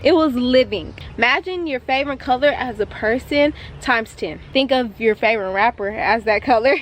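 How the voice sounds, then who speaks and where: A woman's voice: a little high, moderate pace. A young woman vlogger from Texas telling a personal story in a casual, earnest and reflective way.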